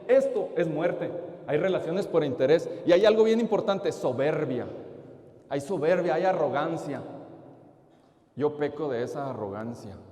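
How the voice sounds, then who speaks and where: Man, lay preacher, storytelling sermon, fairly high voice, big church reverb. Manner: lively, asks the audience questions. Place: large church. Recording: echoey church hall.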